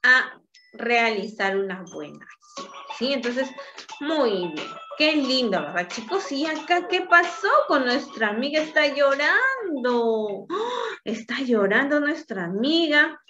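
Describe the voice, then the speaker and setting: Slow, bright-voiced woman teaching small children. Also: high voice, sing-song. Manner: coaxing, asks "¿sí?" after nearly every phrase. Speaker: preschool teacher. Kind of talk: slow, patient lesson for young children. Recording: dull lo-fi recording with faint music.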